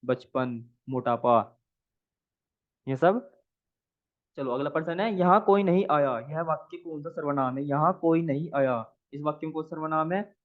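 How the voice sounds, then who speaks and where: A man's voice: fairly high pitch, unhurried. A man teaching a Hindi exam practice lesson. He asks questions and answers them himself, repeating each answer several times. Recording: tinny phone-like audio.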